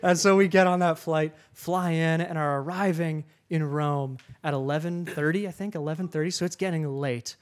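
A man hosting a podcast, telling a travel story to a live audience in an animated way, getting loud when he quotes himself. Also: a little high, normal speed, few pauses. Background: audience laughter.

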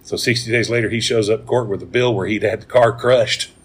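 A man's voice: on the low side, fairly even intonation, a little fast, breathy edge. A man hosting a podcast in casual chat, telling stories and laughing often. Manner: laughing storyteller. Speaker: podcast host.

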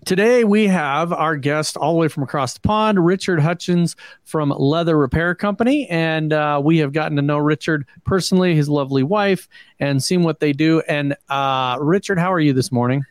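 A man co-hosts a casual podcast in a relaxed way, stretching out his sentences with uhs. His voice is slightly high. The sound is dry and close. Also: normal speed, no echo. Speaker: podcast co-host.

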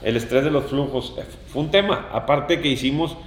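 A man's voice: mid-range voice, normal speed, slight background noise. Guy hosting a podcast, emphatic, repeats stuff, kinda roomy echo. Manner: emphatic, repeats key words for stress. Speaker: podcast host. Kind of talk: casual podcast conversation. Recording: roomy echoing room.

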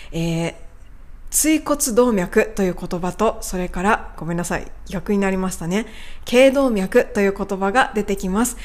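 A woman hosting a radio-style pronunciation lesson. She speaks politely and explains as she goes, often repeating a word slowly so listeners can follow. Her voice sits at an everyday pitch. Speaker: pronunciation coach and host.

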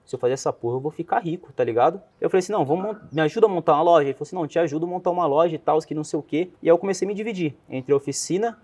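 A man's voice: fairly high pitch, very fast, hardly any pauses, darkish tone, breathy edge. A young man with a Brazilian accent, telling a personal story as a guest in casual, slangy speech, often quoting himself. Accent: Brazilian Portuguese. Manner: slangy, rambling, quotes himself a lot.

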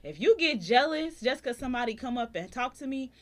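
A woman's voice: high voice, brisk, a loud crowd. Woman cohost, blunt and profane, voice goes all over the place, acts out quotes. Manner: blunt, profane, animated storytelling with acted-out quotes. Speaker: podcast co-host. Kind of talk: casual chat.

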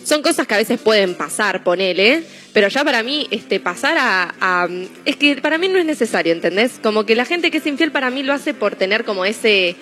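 A young woman with a Rioplatense Spanish accent, co-hosting a radio show and telling stories in an animated, slangy way. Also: a little high, a little fast, faint music behind. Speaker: radio co-host. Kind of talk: casual radio chat.

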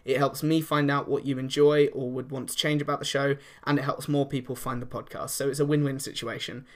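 A man's voice: mid-range voice, flat delivery, a little fast. A young man hosting a podcast, chatting casually with plenty of fillers and laughs. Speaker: podcast host. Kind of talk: casual chat.

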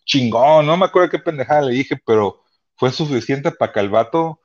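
A man, telling concert stories as a podcast guest in a casual, profane, animated way. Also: mid-range voice, a little fast, dull audio. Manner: profane, animated, many restarts. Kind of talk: casual storytelling chat. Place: Chula Vista hospital.

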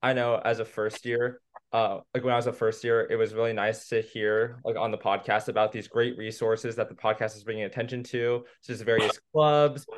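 A young man from California introducing himself as a new co-host. He speaks earnestly, with a few "um"s and "uh"s, in a smooth, clear voice at an ordinary pitch. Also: little pitch movement. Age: young adult. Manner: earnest, with some "um" and "uh" pauses. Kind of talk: casual chat.

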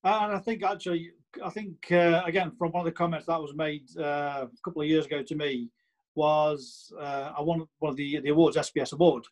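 A man's voice: fairly high pitch, steady tone, brisk, a little mellow. A man with a Stoke-on-Trent accent chatting casually on a podcast, emphatic and repeating his points with plenty of "you know".

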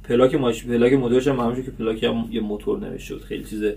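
A man's voice: mid-range voice, steady tone, vocal fry, warm tone. A man chats through a casual episode review for his vlog. He rambles with lots of fillers, and his voice sits a little distant from the microphone. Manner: chatty, many fillers. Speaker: series reviewer host.

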